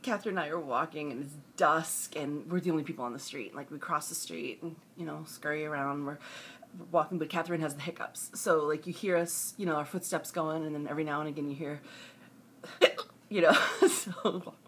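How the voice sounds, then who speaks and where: A woman's voice: sits low, brisk, slight background noise. A mother telling a personal story casually, often breaking into laughter. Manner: breaks into laughter, giggly and animated.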